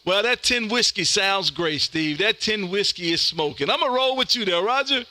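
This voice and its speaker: This folksy, boisterous amateur radio host jokes with his contacts during lively calls he live streams from his home radio room. His voice sits high and sounds sharp and animated, at a moderate pace.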